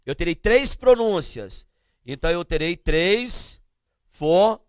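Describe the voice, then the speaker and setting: Brazilian guy teaching grammar, kinda high voice, slow and deliberate, asks the class stuff then answers it himself. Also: big pitch swings, dry recording, studio quality. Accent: Brazilian Portuguese. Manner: slow and emphatic, spelling out letters and sounds.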